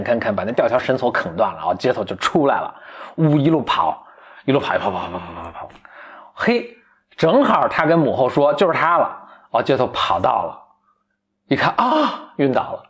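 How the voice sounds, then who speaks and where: A man co-hosting a podcast, casually retelling a story in an animated way, laughing often and acting out the characters. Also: medium pitch, brisk. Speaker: podcast co-host.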